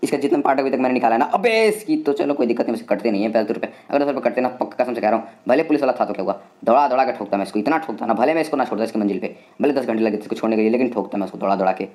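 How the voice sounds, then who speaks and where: A man with an Indian accent giving excitable, chatty commentary while playing a driving game, talking to the game and to viewers. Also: medium pitch, rapid-fire, hardly any pauses. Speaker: gaming channel host.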